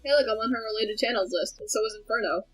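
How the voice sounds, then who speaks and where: A woman's voice: on the high side, racing, fairly bright tone, husky, faint music behind, poor audio. A young woman hosting a casual reaction chat with a friend, rambling, correcting herself and laughing as she goes. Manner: chatty and rambling, with sudden laughs and self-corrections. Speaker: video reactor, channel host.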